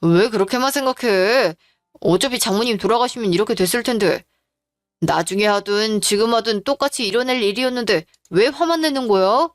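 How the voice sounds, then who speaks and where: A woman's voice: on the high side, brisk, dry recording, studio quality, lightly acted. A woman voicing an evasive young husband in an audio drama, brushing off blame in a defensive tone.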